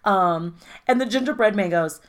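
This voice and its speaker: A woman in casual chat, recapping a film with profane, animated storytelling and frequent laughter. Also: medium pitch, moderate pace. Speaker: podcast co-host recapping a film.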